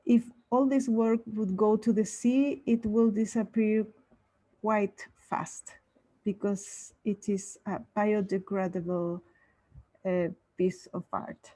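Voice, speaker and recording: Woman artist from Chile, slow and halting, soft dark tone. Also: mid-range voice, steady tone, poor audio. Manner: halting, many restarts. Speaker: artist guest. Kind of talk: online panel talk.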